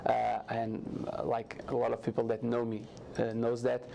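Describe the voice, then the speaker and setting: Guest spot: young Portuguese-accented man, halting, earnest, flat even delivery. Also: mid-range voice, vocal fry, a little hiss or hum. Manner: halting, many restarts and fillers, earnest. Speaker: guest, startup founder. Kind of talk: TV studio interview.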